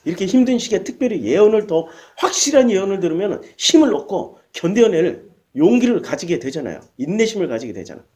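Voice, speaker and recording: Animated high-voiced male preacher. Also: fast. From Korea. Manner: asks the audience rhetorical questions and answers them; shifts between formal address and blunt casual speech. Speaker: pastor teaching Bible lectures. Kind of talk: Bible lecture sermon.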